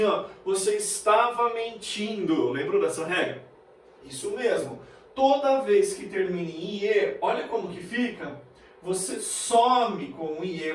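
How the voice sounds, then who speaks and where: A man's voice: high voice, slight background noise. A man with a Brazilian Portuguese accent teaching an English grammar lesson, chatty, checking in with his students often through rhetorical questions. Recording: very echoey room, mic far off.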